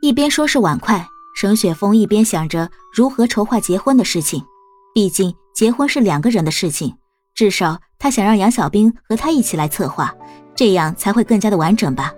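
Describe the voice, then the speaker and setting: A woman narrating a storybook in a calm, even reading voice. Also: medium pitch, a little fast, soft background music. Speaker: audiobook narrator.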